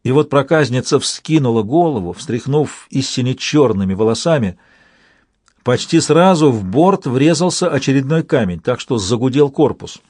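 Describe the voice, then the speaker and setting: A man reading a fantasy audiobook in steady scripted narration. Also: medium pitch, moderate pace, no room sound, clean studio sound.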